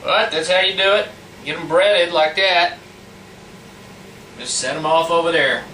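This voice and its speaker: A man's voice: a little high, measured pace, pushed and bright. Folksy man over noisy fan hum. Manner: folksy, plain-spoken. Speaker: home cook presenting a recipe. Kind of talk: casual cooking demonstration. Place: indoor kitchen with a running fan. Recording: roomy, noisy fan hum, distant mic. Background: fan noise.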